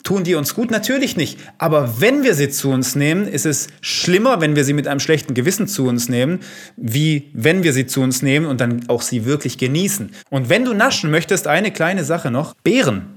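A man talking as a health coach in a podcast conversation, energetic, with punchy short statements and rhetorical questions. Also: on the high side, moderate pace. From Italy.

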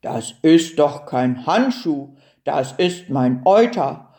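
A woman voicing a placid female cow in a children's storybook, speaking low and matter-of-factly. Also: lively intonation, slow, dark tone, exaggerated voice. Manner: low, matter-of-fact, patiently explaining. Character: slow, deep-voiced placid female cow.

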